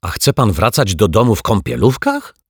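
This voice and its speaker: A man voicing a gruff, blunt cleaning lady in a children's audiobook, scolding and suspicious. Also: on the low side, very animated, moderate pace, no room sound, studio quality, voice pushed up. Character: gruff grumbling older female cleaning lady.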